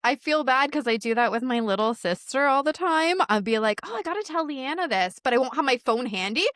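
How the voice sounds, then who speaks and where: A woman's voice: on the high side, animated, fairly quick, a bit bright, dry recording. Candid, blunt woman guest, dry sound. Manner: candid and blunt, often laughing while she talks. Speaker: podcast guest, author. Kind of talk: casual interview chat.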